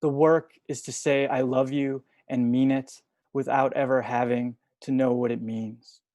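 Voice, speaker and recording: A young man reading poetry over a video call from home, soft-spoken and hesitant between poems. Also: mid-range voice, flat delivery, a little slow, no echo, highs cut off. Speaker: poet reading at a livestream.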